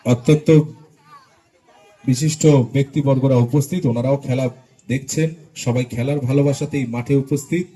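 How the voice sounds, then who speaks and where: A man commentates a football match live and excitedly. His voice is very dark and muffled, on the higher side, and he calls the passes in short, urgent bursts. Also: normal speed, pauses often, some chatter behind. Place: outdoors at a local football ground.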